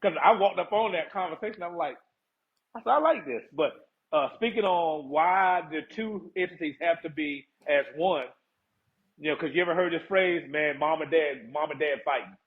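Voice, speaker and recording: Guest: retired male first sergeant, easygoing, chuckles a lot, slightly high voice, phone-quality audio. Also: moderate pace. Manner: laid-back, laughs often, calls the listener "man". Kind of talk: casual interview talk. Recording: tinny phone-like line.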